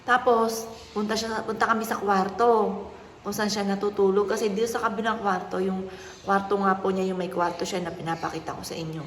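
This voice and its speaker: A woman, a mother telling a personal story in a soft, earnest, polite way. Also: mid-range voice, level tone, fairly quick. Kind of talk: casual vlog talk. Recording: echoey room with faint noise.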